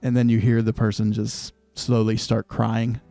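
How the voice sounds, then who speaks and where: A man narrating a tabletop game as game master, describing scenes in a measured way with many fillers. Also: on the low side, completely flat delivery, gravelly, mellow, soft background music.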